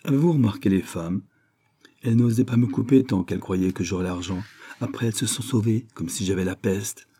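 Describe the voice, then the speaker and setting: A man's voice: on the low side, normal speed, mellow, breathy edge. A male reader voicing Lily Bart, a proud young society woman who speaks with mocking defiance.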